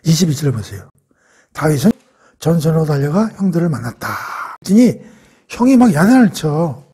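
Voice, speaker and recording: A man teaching a Bible lesson in a lively storytelling way. His voice sits fairly high and has a husky edge. He keeps asking his listeners questions and then answers them himself. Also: brisk. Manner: lively storytelling, acting out quoted lines. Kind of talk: Bible study lecture.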